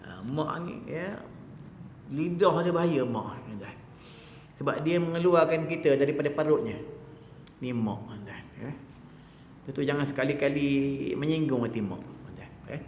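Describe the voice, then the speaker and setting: A man's voice: fairly high pitch, a little slow, a little hiss or hum. A man with a Malaysian Malay accent giving an evening mosque lecture, telling a story with humour and acting out its voices. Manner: animated, joking, acts out voices in the tale. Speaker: religious teacher. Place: mosque hall. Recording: echoey hall with long reverb.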